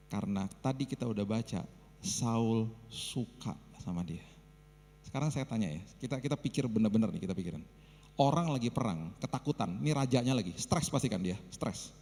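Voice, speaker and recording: Male pastor, Indonesian accent, gravelly voice, lively storytelling sermon, church hall reverb. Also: fairly low pitch. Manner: lively storytelling with acted quotes.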